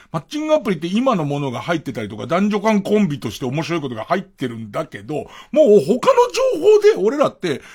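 A man's voice: high-pitched, slightly rough. A man hosting a late-night radio show, rambling casually and thinking aloud with chuckling asides. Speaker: radio host.

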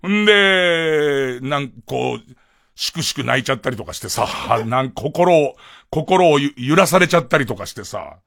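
A man hosting a late-night radio show in a casual solo monologue, animated, acting out quoted lines and laughing. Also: mid-range voice, normal speed, gravelly. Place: radio studio.

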